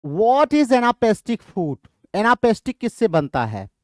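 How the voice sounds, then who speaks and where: A man with an Indian English accent teaches an exam-prep lesson in a high, sing-song voice at a slow pace. He repeats his points often and poses questions he then answers himself; the studio-quality recording has no echo.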